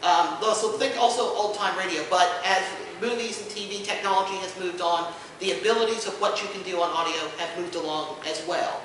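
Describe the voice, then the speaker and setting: A man with a high-pitched, slightly bright voice talks a little fast with few pauses, hosting a casual convention panel. He's a podcast co-host who explains with dry humor. The audio comes from an echoey indoor panel room through a distant mic, with background noise.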